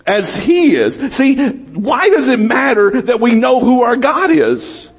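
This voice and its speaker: A man preaching a sermon as pastor, calling out to his congregation, swinging between shouts and low, quiet lines. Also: slow pace, husky. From United States. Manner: lively preaching, calls out to the congregation, rises to shouts and drops low.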